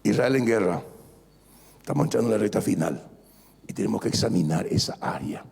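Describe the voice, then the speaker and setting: A male pastor preaching an animated sermon, joking with the congregation and repeating phrases for emphasis. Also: lowish voice, fairly quick, vocal fry, slightly rough. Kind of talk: lively sermon. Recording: long reverb of a large church hall.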